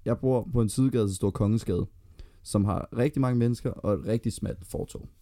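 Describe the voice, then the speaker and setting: Mellow low-voiced Danish man. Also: steady tone. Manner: argumentative, tells long anecdotes. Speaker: podcast co-host. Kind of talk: casual chat.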